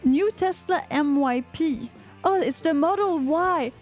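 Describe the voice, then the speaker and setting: A woman from Quebec, Canada, with a Québécois French accent hosts a casual live podcast, reading through viewer comments and often repeating words as she goes. Her voice is high-pitched, a little slow and a little mellow, with faint music in the background.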